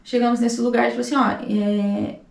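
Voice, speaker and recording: A woman in her thirties, a vlogger with a Brazilian Portuguese accent, recounts a personal story emotionally and acts out the dialogue. Her voice sits on the high side, with a level tone, vocal fry, a darkish quality, and a fairly quick pace, heard through a distant mic in an echoey space.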